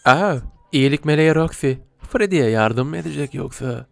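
Jokey video host, man: high-pitched, animated delivery, soft music underneath. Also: normal speed, vocal fry, no echo. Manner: joking, laughing often. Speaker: YouTube host. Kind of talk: reaction commentary.

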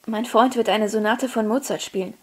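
A woman reading out a cheeky eighteen-year-old student who speaks calmly and in a friendly way. He sounds quick-witted and unruffled. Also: a little high, slightly rough. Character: calm, cheeky young male student.

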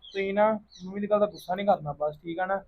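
Man playing an earnest, fast-talking grandson. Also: sits high, lo-fi sound. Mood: reassuring. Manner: earnest, reassuring. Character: caring grandson, protective of his grandmother. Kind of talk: family drama vlog acting.

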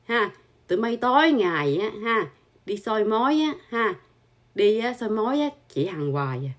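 A woman's voice: fairly high pitch, sing-song, moderate pace. A woman, hosting her channel with an angry, scolding monologue full of insults and filler particles. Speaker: channel host.

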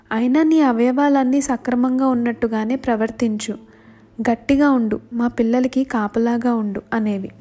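Woman voicing earnest mother birds, higher voice, warm and mellow, music under it. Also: natural voice. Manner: earnest, instructing. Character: group of hardworking mother birds. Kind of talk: storybook voice acting.

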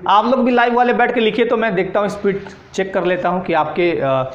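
High-voiced male teacher dictating, echoey room. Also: fairly even intonation, brisk, muffled recording. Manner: dictates word pairs, repeats with tags like "है ना". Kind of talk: exam-prep Hindi grammar lesson.

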